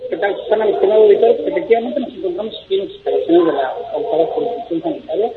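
A man's voice: high-pitched, very noisy. Man reporting over an echoing phone line. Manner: halting, many fillers. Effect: hollow echo on the phone line. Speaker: field reporter. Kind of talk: live news report by phone. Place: indoors in a public office building. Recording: tinny phone line with hollow echo.

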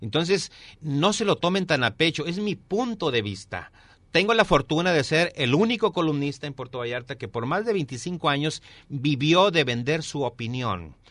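A mayoral candidate who used to be a newspaper columnist gives interview answers in a fairly high, fairly bright voice with lively intonation at a moderate pace. The middle-aged man has a Mexican accent and stresses key phrases by repeating them as he pitches his campaign. No echo is present.

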